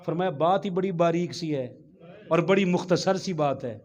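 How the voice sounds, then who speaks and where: A man preaching a Friday sermon in a mosque. He acts out the voices he quotes and rises to shouts at times. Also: a little high.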